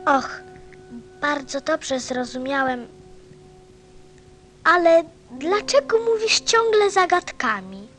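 A woman's voice: sits high, expressive, takes it slowly, long pauses, sharp tone, full character voice. A woman playing a lonely, curious, innocent little boy prince in a radio play. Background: faint music.

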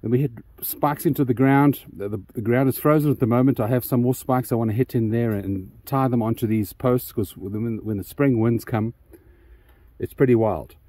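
A man showing off his homemade solar panel mount outside for his DIY solar channel rambles through a casual walkthrough, slightly breathless, with frequent ums and restarts. He speaks at normal speed in a mellow, mid-range voice, recorded dry.

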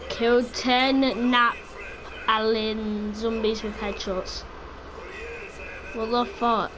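A woman's voice: a little high, little pitch movement, drawn-out words, background noise. A woman giving casual gameplay commentary, chatty and joking, talking to herself while she plays. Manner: chatty, joking, talks to self while playing. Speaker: gamer.

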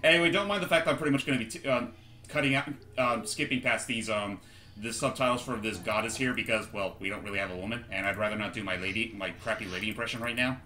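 A man's voice: fairly low pitch, quick pace, sharp tone, slight background noise. A man hosting a casual game playthrough with friends, rambling and swearing freely. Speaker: let's play host.

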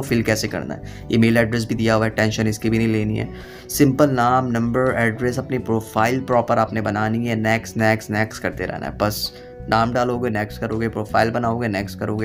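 A man giving a voice-over walkthrough, urging and reassuring viewers and repeating steps. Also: medium pitch. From Pakistan. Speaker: job-info YouTuber. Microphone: voice-over, not recorded on site.

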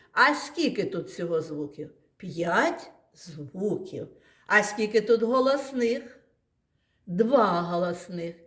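A woman's voice: mid-range voice, roomy sound. A woman teaching a phonics lesson to small children, talking in a patient, sing-song way. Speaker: kindergarten teacher.

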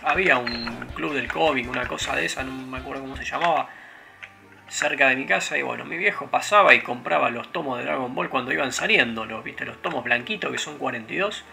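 A man with a Rioplatense accent talks through his gameplay in a loose, rambling way, drifting between stories and the game. His voice sits mid-range with a strong gravelly rasp, and game music plays clearly behind him. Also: medium pitch, fairly quick, sharp tone. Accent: Rioplatense Spanish. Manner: rambling, digressive storytelling with frequent fillers. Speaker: let's play host. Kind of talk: casual gameplay commentary. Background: video game music.

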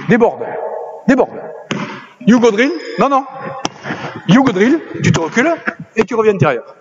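A man coaching basketball players on court, directing drills with quick commands and encouragement. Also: high voice, big pitch swings. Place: indoor basketball gym. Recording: slightly dull lo-fi sound with faint noise.

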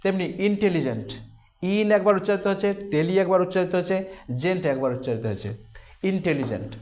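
A man with a fairly high voice teaches a grammar lesson. He takes it slowly, repeating each term and breaking words into syllables, and he asks questions and then answers them himself. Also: a little mellow.

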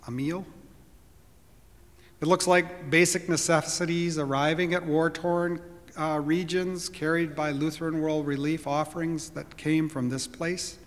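A man in his sixties preaching a sermon from a church pulpit, earnest and reflective. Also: a little high. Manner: earnest, reflective preaching with occasional soft laughs. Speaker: pastor. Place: church sanctuary, at a wooden pulpit. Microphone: pulpit microphone. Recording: long church reverb.

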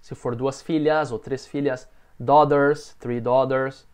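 This man, whose accent is Brazilian Portuguese, is teaching English to beginners, patiently drilling phrases and voicing each model sentence slowly. His voice is mid-range and darkish, with fairly even intonation.

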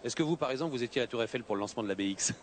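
Brisk male television reporter at a show. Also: mid-range voice, expressive, noisy background. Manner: brisk, chatty interviewer. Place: crowded indoor exhibition hall. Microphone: handheld microphone.

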